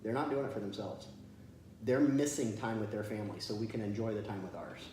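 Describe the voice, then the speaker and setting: A man's voice: lowish voice, brisk, a little mellow. Veteran guy telling stories easy and chatty, lots of room echo, little bit of hiss. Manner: chatty and good-humored, laughs as he tells stories. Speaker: military veteran interviewee. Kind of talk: casual storytelling in an interview. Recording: very echoey room with faint noise.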